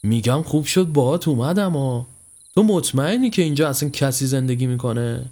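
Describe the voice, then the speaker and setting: A man's voice: mid-range voice, sing-song, darkish tone, breathy edge. A man voicing a jittery young man in a horror audio story, with a shaky, grumbling way of talking. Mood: uneasy. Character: jittery young man who jokes when scared.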